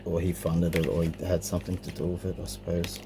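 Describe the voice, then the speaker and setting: Low-voiced and completely flat, a middle-aged collector rattles through his cassettes at a fast clip. His unscripted, casual presentation is slightly hesitant, and the amateur home camera audio is clearly noisy.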